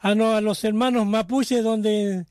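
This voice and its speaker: A man hosting a live community radio show, greeting listeners over and over and firing off quick questions. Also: sits high, steady tone, a little mellow, dry recording, studio quality. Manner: effusive, repeats greetings, rapid-fire questions.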